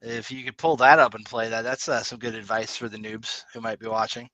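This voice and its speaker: A man's voice: fairly low pitch, steady tone, a little fast, pushed and bright, no echo, poor audio. A man co-hosting a podcast in casual, rambling chat, laid-back and swearing now and then. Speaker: podcast co-host.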